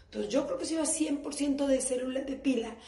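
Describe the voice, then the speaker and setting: A woman with a Mexican accent performs a crude stand-up comedy monologue, acting out her family members in turn. Her voice sits high and carries a roomy echo. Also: brisk, warm tone. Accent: Mexican Spanish.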